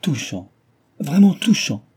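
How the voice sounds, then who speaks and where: A man reading aloud and voicing a fussy, gushing older schoolmistress with loud theatrical exclamations. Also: lowish voice, brisk, slightly rough.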